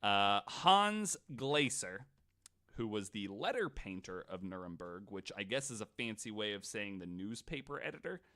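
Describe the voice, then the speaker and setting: A podcast host tells stories casually and irreverently, swearing, stammering, repeating words, and sometimes reading quotes aloud. His voice is on the low side, very animated, pushed, and bright, at a normal speed.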